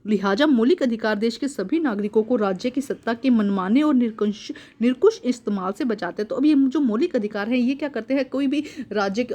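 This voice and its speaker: A woman with a fairly high, slightly mellow voice teaches from a worksheet. She reads each point aloud and then explains it again more simply, mixing in English words.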